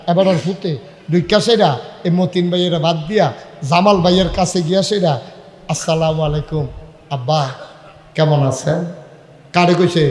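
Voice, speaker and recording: High-pitched guy preaching loud at a crowd, lots of shouting, big echoey hall with long reverb. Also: slight background noise. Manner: calls and answers with the audience. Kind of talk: sermon.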